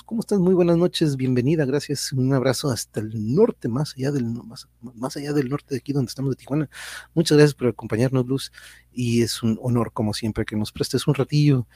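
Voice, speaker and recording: A middle-aged man with a Mexican accent, chatting casually on a live stream. His voice is mellow and warm, recorded close and dry with no room sound. He greets viewers by name and sprinkles in slang. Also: mid-range voice, breathy edge, no echo. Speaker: podcast host and teacher.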